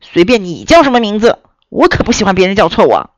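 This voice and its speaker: A woman doing a gruff hungry wolf. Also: wildly swooping pitch, fast, no echo. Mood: gruff, blunt. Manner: gruff, lower and louder than the narration. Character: big hungry male wolf, gruff and blunt.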